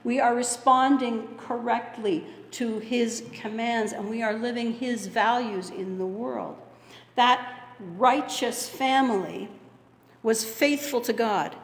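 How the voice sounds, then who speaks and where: A woman pastor preaching a sermon in a church sanctuary, measured and earnest, leaning on dramatic pauses. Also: a little high. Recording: echoey hall with long reverb.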